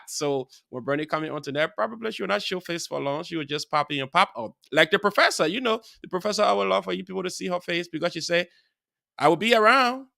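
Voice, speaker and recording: A male talk show host with a gravelly, bright and edgy voice, rambling warmly through shout-outs and chuckling often. He sounds close and dry, in a studio with no room echo. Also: a little high. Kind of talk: casual live-show chat.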